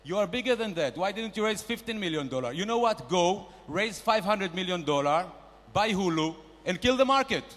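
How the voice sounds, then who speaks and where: A comedian at a conference panel performs a stand-up bit as a brash, boastful investor dubbed a shark, barking loud, bossy, mock-grand business advice like a sales pitch. He speaks expressively at a moderate pace with few pauses, and the large hall echoes.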